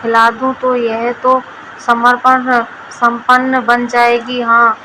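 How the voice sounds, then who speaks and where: A simple-minded village husband from a storybook tale, as a woman narrator plays him. The voice stays a little high for a man and very level in pitch. There is a faint hum of background noise. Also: monotone, slow pace. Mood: pleased.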